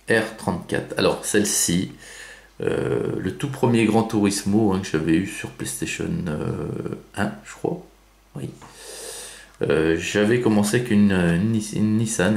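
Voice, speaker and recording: A man's voice: lowish voice, creaky, echoey room. A man giving casual unboxing commentary on toy cars, chatty, with many fillers and self-corrections.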